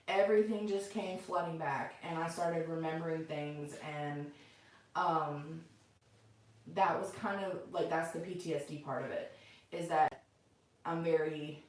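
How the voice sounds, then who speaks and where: A middle-aged woman chatting casually and unscripted to viewers as the host of a livestream from home. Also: deep voice. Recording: very echoey room, far from mic.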